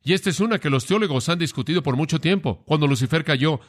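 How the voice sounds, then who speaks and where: Earnest preaching man, fairly high voice. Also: animated, fast talker. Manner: earnest preaching, asks and answers his own questions. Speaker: pastor. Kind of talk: sermon.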